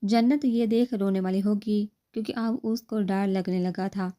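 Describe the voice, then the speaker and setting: Monotone woman reading a novel aloud. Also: medium pitch. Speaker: audiobook narrator. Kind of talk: scripted novel narration.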